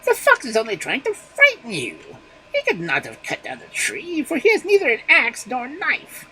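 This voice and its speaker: A man doing a high, scolding storybook crow. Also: wildly swooping pitch, moderate pace, soft background music, exaggerated voice, low-quality recording. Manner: sharp, scolding.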